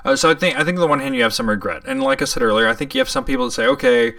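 Gravelly man, casual political talk. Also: very fast, no echo, distant mic. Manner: conversational, many fillers, animated rises in pitch. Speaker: podcast co-host.

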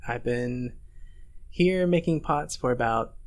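A man in his thirties from Texas, a ceramic artist answering interview questions in a relaxed, hesitant way with many pauses and ums. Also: medium pitch. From Fort Worth, Texas.

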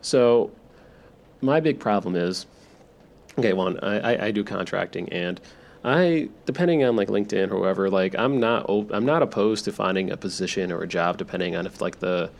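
A man hosting a podcast for sleep listeners, thinking out loud in a low-key, self-deprecating monologue with a drowsy, gravelly voice. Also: moderate pace. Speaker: podcast host. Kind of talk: rambling, relaxed stream-of-consciousness monologue for sleep listeners.

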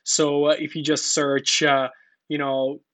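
A man's voice: fairly high pitch, slow pace, no echo. A man from the Republic, an English speaker, guesting on a podcast and talking casually with lots of fillers and restarts. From Czech Republic. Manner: relaxed, rambling, frequent fillers. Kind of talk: casual interview talk.

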